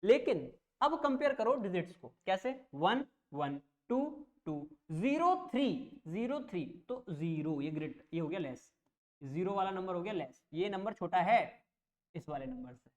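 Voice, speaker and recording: A man's voice: sits high, sing-song, a little slow, a little mellow. Patient man teaching a math lesson. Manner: patient, repeats steps, checks understanding; reassuring, plain explanations. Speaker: coaching teacher.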